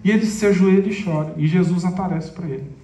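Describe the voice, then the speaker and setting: A man's voice: high voice, fast talker, dark tone. A man with a Minas Gerais accent giving an informal storytelling lecture to an audience, speaking chattily and addressing them directly. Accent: Minas Gerais Portuguese. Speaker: spiritist lecturer. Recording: echoey hall, mic far off.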